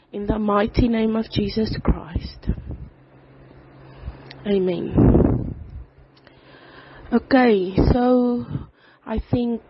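Slow earnest voice in a phone voice note. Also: medium pitch. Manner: slow, even and earnest, with pauses and fillers. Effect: phone voice note recording. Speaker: person giving a testimony. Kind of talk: prayer then personal life story. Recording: slightly dull voice note with faint background noise.

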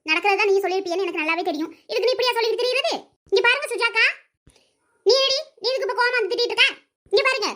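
Shrill, very high woman voicing a squabbling cartoon family. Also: pushed and bright. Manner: quarrelsome, scolding, rapid back-and-forth. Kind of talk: cartoon voice acting of a family quarrel.

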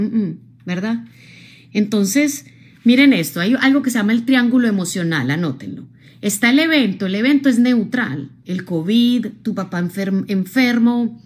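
A woman, from Colombia, giving a live-streamed motivational talk, speaking expressively straight to her viewers and often checking in with them. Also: mid-range voice. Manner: expressive, addresses viewers directly, frequent tag questions.

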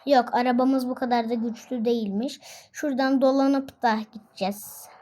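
A woman's voice: on the high side, steady tone, moderate pace, warm tone. A woman giving casual, chatty commentary while playing a driving game, with frequent exclamations and laughs. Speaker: gaming video host.

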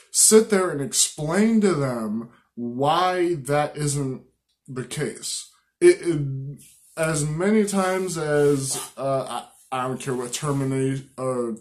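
A young man giving an unscripted opinion rant to camera, slightly drunk, halting and stumbling over his words. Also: medium pitch. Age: young adult. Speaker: vlogger. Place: small room indoors at home.

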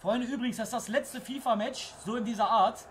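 A man streaming a football video game, loudly teasing his opponent and talking to chat. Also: very high-pitched, a little fast, heavy background noise. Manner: loud, teasing, shouting. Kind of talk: casual gaming stream banter.

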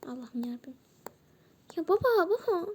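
A woman's voice: extremely high pitch, big pitch swings, moderate pace. A woman host narrating and voicing a doll role-play story. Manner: voices every character herself.

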